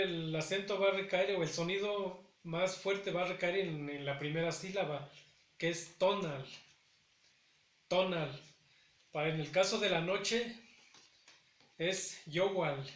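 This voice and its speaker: A man's voice: high-pitched, fairly bright tone, echoey room. A man teaching a language lesson, carefully repeating each word with hesitant fillers between phrases. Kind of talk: slow spoken language lesson.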